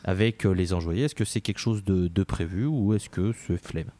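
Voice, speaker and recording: A man's voice: sits low, normal speed, mellow. A man from France interviewing on a podcast, joking loosely and swearing casually.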